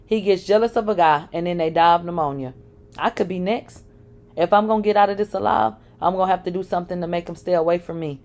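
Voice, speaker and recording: Woman, first-person story reading, emotional, blunt, swears, lower-pitched. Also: quick pace, darkish tone. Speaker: narrator.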